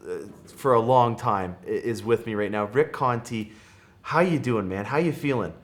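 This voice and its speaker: A man's voice: medium pitch, moderate pace. A young man with a Canadian accent hosting a car channel, chatting upbeat with fillers and restarts. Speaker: host, car dealership vlogger. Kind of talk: casual car talk.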